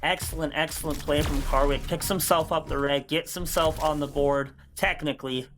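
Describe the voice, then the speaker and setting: A man casting a competitive video game match as it happens. His voice sits a little above average in pitch, and he moves between punchy calls and analysis in an excitable commentator's manner. There is light noise in the recording. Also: normal speed. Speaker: esports commentator. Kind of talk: live play-by-play esports casting.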